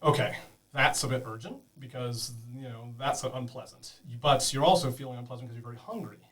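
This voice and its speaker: A man's voice: medium pitch, brisk, a bit bright, distant mic. A man narrating a tabletop game as game master, explaining rules to beginners in a chatty way with many fillers.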